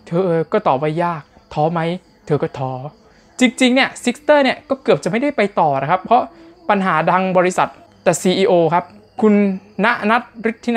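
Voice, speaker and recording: A man narrating a casual recap of a TV competition, speaking straight to his viewers in a chatty, polite way. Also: sits high.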